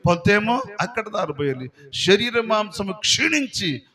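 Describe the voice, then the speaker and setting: A man's voice: high voice, very animated, unhurried, sharp tone. A male pastor preaching a sermon, repeatedly putting questions to his congregation.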